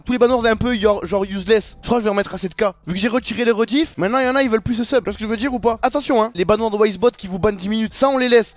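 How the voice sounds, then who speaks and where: A man's voice: high-pitched, dry recording. A young man streaming live, chatting casually and rambling in heavy slang to his chat. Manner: slangy, rambling, keeps saying frère and wesh.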